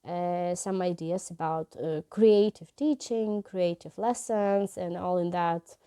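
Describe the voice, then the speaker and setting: Hesitant, mellow-voiced woman from Ukraine. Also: fairly low pitch, slow pace, clean tone. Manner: hesitant, many fillers and restarts. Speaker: English teacher and vlogger. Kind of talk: casual vlog talk.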